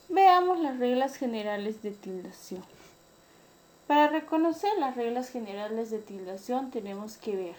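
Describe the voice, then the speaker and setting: A woman with a Peruvian accent teaches an online class with a fairly high voice. She takes her time, laying out each step slowly and carefully for her pupils. Her delivery is patient and unhurried. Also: darkish tone. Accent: Peruvian Spanish. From Peru. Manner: slow, careful explanation for pupils. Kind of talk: virtual class lesson.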